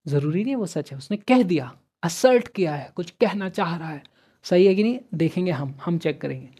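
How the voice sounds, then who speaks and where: A male math teacher giving a chatty exam-prep lesson, repeating phrases, asking and answering his own questions, with sudden louder bursts for emphasis. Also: high-pitched, expressive, brisk, breathy edge. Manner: repeats phrases several times in a row.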